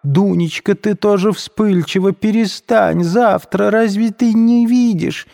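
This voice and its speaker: A man reading the part of a timid, anxious older mother, raising his voice high and pleading. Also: fairly even intonation, a little slow, mellow, long reverb tail. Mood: frightened pleading.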